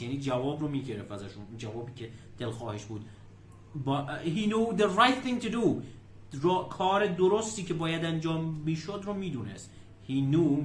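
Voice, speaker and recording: A man teaching a language lesson, slowly repeating English phrases and then explaining them. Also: a little high, a little hiss or hum. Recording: echoey room.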